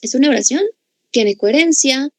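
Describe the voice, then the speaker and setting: A woman with a Bolivian accent leads a grammar lesson in a patient, explanatory way, pausing to make sure her students follow. Her voice sits a little high, and the sound is close and dry with no room around it. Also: a little mellow, no room sound, poor audio. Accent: Bolivian Spanish. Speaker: language teacher. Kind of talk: online grammar class.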